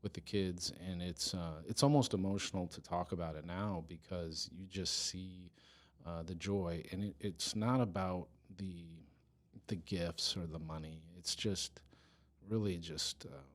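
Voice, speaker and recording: A man with a very low, deep voice talks through a casual podcast interview about his police department's work. He is earnest, stops and restarts often, and laughs easily. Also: steady tone, unhurried. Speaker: police department chief of staff, guest.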